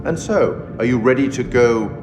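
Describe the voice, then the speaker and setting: An actor voices a sinister, urbane curator who narrates tales in a horror game, delivering a measured, formal, wry and ominous scripted monologue that sounds amused and courtly. His male voice is mid-range and natural. Orchestral music plays behind him, drenched in echoey long reverb.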